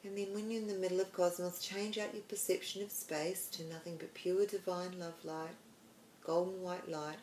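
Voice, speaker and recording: A woman with an Australian accent, hosting a podcast and leading a slow, soothing guided meditation. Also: fairly low pitch, level tone, slight background noise. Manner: slow, soothing, soft-spoken guidance. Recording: roomy with faint background ambience.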